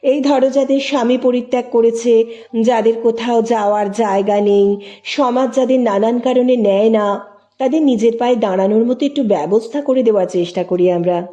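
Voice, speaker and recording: A woman voicing a gentle, humble elderly woman who once taught school, speaking softly and modestly. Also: fairly high pitch, normal speed, highs cut off, lightly acted. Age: older. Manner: soft-spoken, modest and kindly.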